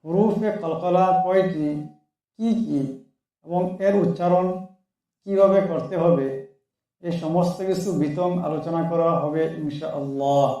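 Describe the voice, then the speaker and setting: Slow, echoey male reading teacher. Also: a little high, steady tone, dark tone, recorded from a distance, lo-fi sound. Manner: slow and drawn out, repeats syllables for practice. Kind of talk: slow step-by-step lesson.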